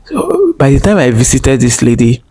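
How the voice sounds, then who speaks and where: A man's voice: medium pitch, wildly swooping pitch, moderate pace, dark tone, breathy edge. A man telling a personal story in a vlog, earnest and emotional, repeating phrases and speaking straight to viewers. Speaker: vlogger.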